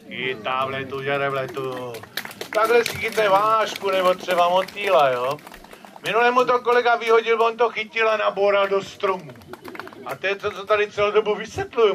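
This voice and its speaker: A man's voice: high voice, slight background noise. A man presenting a live outdoor falconry show, talking to the crowd with lots of tag questions. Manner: lively, addresses crowd, frequent tag questions. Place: outdoor field at a bird show.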